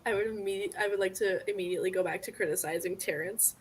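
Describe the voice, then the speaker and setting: A woman playing a tabletop game, slow and playful with frequent laughs. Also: medium pitch, steady tone, poor audio. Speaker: player. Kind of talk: casual tabletop play.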